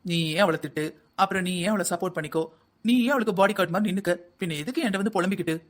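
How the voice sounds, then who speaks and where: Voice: mid-range voice, rapid-fire, close to an everyday voice. A performer voicing a grumbling older husband in a family cartoon, nagging his wife in a South Tamil Nadu accent. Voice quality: scolding, nagging. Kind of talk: cartoon family comedy acting.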